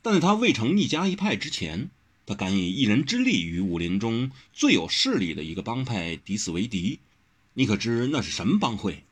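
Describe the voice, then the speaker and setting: A man doing a calm young swordsman, Wang Xiaoshi. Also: lowish voice, slightly rough. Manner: measured and explaining.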